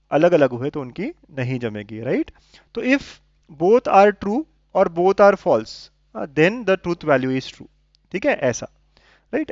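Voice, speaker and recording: A man's voice: a little high, no echo. Man teaching maths, coaxing tone. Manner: coaxing, keeps checking understanding with tag questions. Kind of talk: explaining lesson to students. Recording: dull lo-fi sound, dry.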